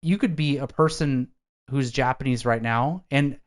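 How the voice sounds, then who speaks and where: A young man co-hosting a casual podcast chat, a little drunk, telling stories animatedly with loud exasperated outbursts. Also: medium pitch, normal speed. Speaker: podcast co-host.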